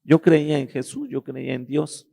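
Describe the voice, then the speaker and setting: A middle-aged man tells his personal testimony in a halting way, often restarting as he looks for words. His voice is deeply gravelly, with a dark, mellow tone, and sits at a middle pitch for a man. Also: sing-song. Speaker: guest giving a testimony.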